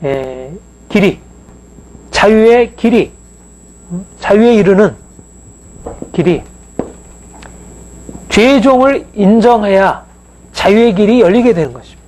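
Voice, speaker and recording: A man's voice: sits high, animated, slow, long pauses, darkish tone, a little hiss or hum, rough recording. A male pastor giving a conversational sermon, with frequent fillers and rhetorical questions to the congregation.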